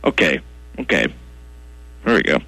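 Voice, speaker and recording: A deep, gravelly male tech support guy, as a man acts him out who is hopelessly clueless and quick to take offense. He sighs a lot and sounds baffled by the simplest questions. His voice swoops up and down with a lot of range. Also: very animated, pushed and bright, heavily acted, low-quality recording. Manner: slow, baffled, defensive, sighing. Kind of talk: comedy sketch acting.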